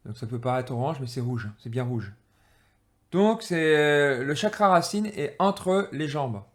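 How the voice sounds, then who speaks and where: A man teaching an energy-healing exercise while drawing, speaking haltingly with many pauses and fillers, tired and irritated. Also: fairly high pitch. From France.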